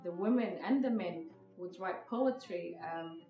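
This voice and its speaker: A woman's voice: lowish voice, measured pace, distant mic, dull audio. A woman from Somalia, in her thirties, telling her own story in a reflective, hesitant way with many fillers and restarts. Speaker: podcast guest, visual artist. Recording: echoey room, from the mic, music behind.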